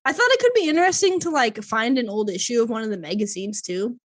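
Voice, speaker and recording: Chatty higher-pitched woman podcaster. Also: animated, fast, dry recording. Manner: chatty, rambling, laughs often. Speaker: podcast co-host. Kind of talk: casual podcast chat.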